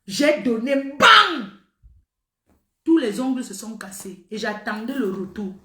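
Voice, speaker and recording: Middle-aged woman, casual storytelling, emphatic and repetitive, high voice, echoey room. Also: moderate pace, very noisy. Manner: animated, emphatic, repeats phrases for effect. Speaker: social media personality.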